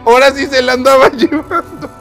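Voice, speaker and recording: A man's voice: extremely high pitch, measured pace, gravelly, fairly bright tone, soft background music. A man with a Mexican accent hosts a comedy show, laughing and teasing as he reads chat messages aloud, with crude slang. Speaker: host.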